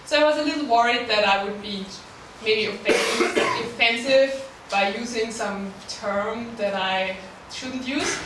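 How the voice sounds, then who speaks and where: A young Austrian woman, a native German speaker, gives a short prepared talk as a staff writer, her voice on the high side and a little slow with few pauses. She's earnest, laughs lightly and says um a lot. The room echoes, she sounds distant, and there's background noise.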